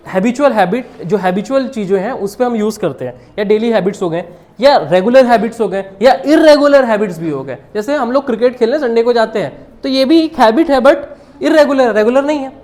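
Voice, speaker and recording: A man's voice: very high voice, darkish tone. A man teaching English grammar to a live class. He keeps quizzing his students, mixes Hindi with English, and chuckles often.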